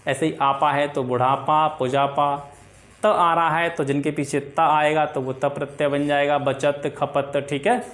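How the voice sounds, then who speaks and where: A man teaching a Hindi grammar lesson for exam preparation, listing example words and asking and answering his own questions. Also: a little high. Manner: often adds filler checks like "theek hai".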